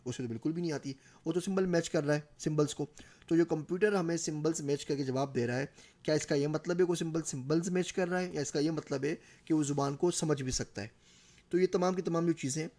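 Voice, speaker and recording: A man's voice: a little high, darkish tone. A middle-aged man with a Pakistani Urdu accent giving a recorded course lecture, explaining ideas through everyday examples.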